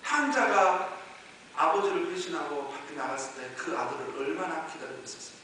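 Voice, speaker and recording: A male pastor delivering a sermon in a bright, high, lively voice that swings from quiet explanation to shouting. He is picked up from far off in a big echoing hall with a long reverb tail. A faint hiss runs under the recording. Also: a little fast.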